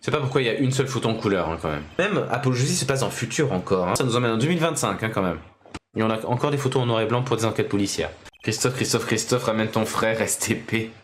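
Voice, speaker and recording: A man's voice: on the low side, expressive, fast, a little hiss or hum. Swearing, jokey male game streamer. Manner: reactive, swears, jokey asides. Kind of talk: casual gaming commentary.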